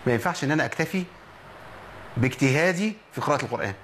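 A man with an Egyptian Arabic accent, his voice a little higher than most men's, teaches the rules of Quran recitation. He explains patiently and stretches out each example word slowly. Faint noise sits under his voice throughout. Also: lively intonation, fairly bright tone. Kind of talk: tajweed lesson on a program.

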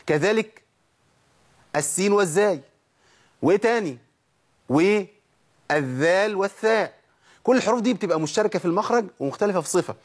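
A man with an Egyptian Arabic accent teaching Quran recitation, explaining letter sounds step by step and demonstrating them slowly. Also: sits high, husky. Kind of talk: tajweed lesson.

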